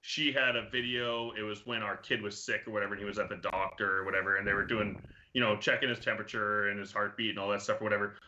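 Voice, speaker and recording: Casting: man, stream guest, very bright tense voice, joking storyteller, dull remote audio. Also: lowish voice, little pitch movement, fast talker, a little hiss or hum. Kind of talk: casual chat.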